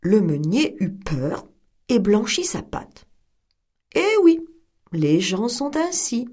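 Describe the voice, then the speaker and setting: A woman reading a fairy tale aloud in an expressive, dramatic storytelling manner. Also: mid-range voice, takes it slowly, slightly rough.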